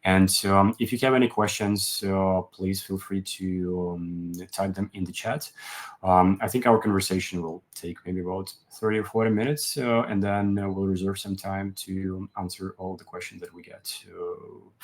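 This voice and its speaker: A man's voice: deep voice, steady tone, normal speed. A man hosting a webinar as a psychotherapist, speaking hesitantly with many ums and restarts over a video call. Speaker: host psychotherapist.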